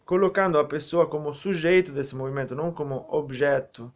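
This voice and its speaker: A young Brazilian man with a Brazilian Portuguese accent and a fairly high voice speaks briskly in a recorded academic talk on physical education and health for a student group. He's hesitant, full of fillers and restarts, and the lo-fi recording sounds dull.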